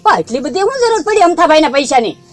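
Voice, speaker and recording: Gullible servant, squeaky and rapid. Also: male voice, very animated. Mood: wheedling. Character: gullible young male servant, cheeky. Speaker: comic character. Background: background music.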